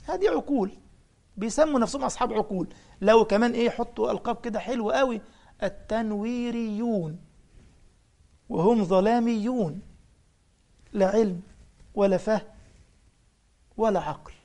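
A man's voice: high voice, normal speed, creaky, long pauses, a little mellow. A man with an Egyptian accent preaching a colloquial religious lesson, telling anecdotes and firing off mocking rhetorical questions. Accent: Egyptian Arabic.

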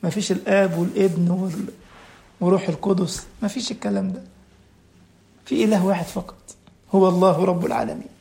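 Egyptian preacher, high gravelly voice. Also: male voice, steady tone, darkish tone. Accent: Egyptian Arabic. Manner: exhorting, rhetorical questions to the listeners; recites scripture slowly and deliberately. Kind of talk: sermon.

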